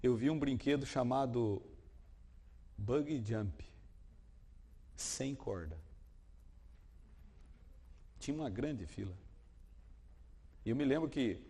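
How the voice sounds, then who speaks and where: A pastor preaching a sermon, swinging from loud, dramatic peaks to hushed passages. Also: male voice, medium pitch, breathy edge, long reverb tail.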